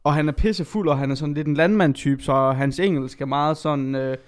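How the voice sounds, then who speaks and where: Young man with a slightly higher voice. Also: steady tone, smooth. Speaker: podcast co-host. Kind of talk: casual storytelling chat.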